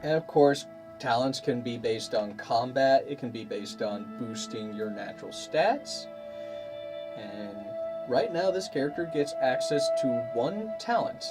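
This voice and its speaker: A man's voice: mid-range voice, a little slow, music in the background. A man hosting a stream as game master, playfully walking players through tabletop rules. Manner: animated, playful explainer.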